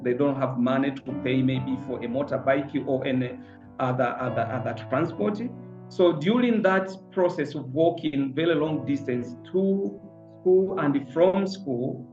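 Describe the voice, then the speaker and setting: A middle-aged man, a school founder speaking in a measured, earnest way with frequent pauses. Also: mid-range voice. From Tanzania. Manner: measured and earnest, pausing often on fillers. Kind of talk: reflective interview testimony. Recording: roomy, slightly dull with soft music.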